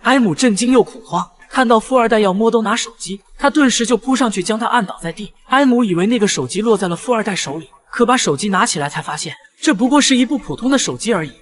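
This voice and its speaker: Recap narrator: man with a high-pitched voice, brisk scripted storytelling. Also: expressive, fairly bright tone.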